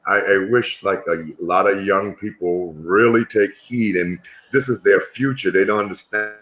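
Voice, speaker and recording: A man's voice: on the low side, moderate pace, a bit bright, muffled recording. A man hosting an interview, asking questions in a rambling, restarting way. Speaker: interview host.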